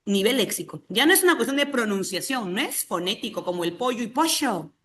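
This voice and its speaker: A woman's voice: medium pitch, sing-song, quick pace. A woman with a Peruvian Spanish accent teaching an exam-prep language class. She puts questions to the class, answers them herself and often adds a tag question. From Peru.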